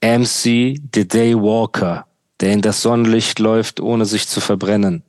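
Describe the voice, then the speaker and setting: A man's voice: lowish voice, steady tone, measured pace, a little mellow, no room sound. A young man hosting a podcast, ranting sarcastically in casual chat full of street slang. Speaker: podcast host.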